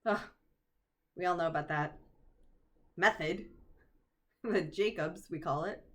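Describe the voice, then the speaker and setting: A woman's voice: on the low side, takes it slowly. A woman reading aloud and guiding a meditation in a casual way, joking between passages and laughing at her own asides. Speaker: oracle card reader and storyteller.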